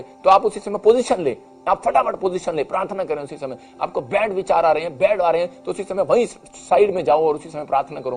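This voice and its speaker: A man's voice: on the high side, darkish tone. A male pastor preaching a sermon in an emphatic style, repeating his phrases.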